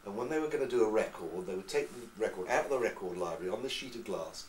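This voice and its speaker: Distant, echoey lower-voiced Englishman. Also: fast talker, a little hiss or hum. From England. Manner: lively storyteller, slips into accents. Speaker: actor interviewee. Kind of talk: anecdotal interview chat. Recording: echoey room, far from mic.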